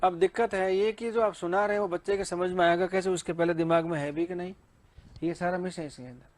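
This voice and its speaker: A man's voice: sits high, steady tone, a little fast. A male teacher giving an exam-prep lecture, asking and answering his own questions and reading English lines in a Hindi accent.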